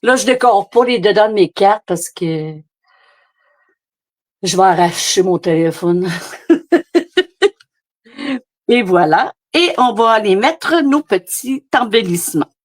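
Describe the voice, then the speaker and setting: Recorded on a phone camera, a woman with a Québécois French accent demonstrates card making in a casual live chat, rambling and chatty with lots of fillers. Her medium-pitched voice has lively intonation, and she takes it slowly with long pauses.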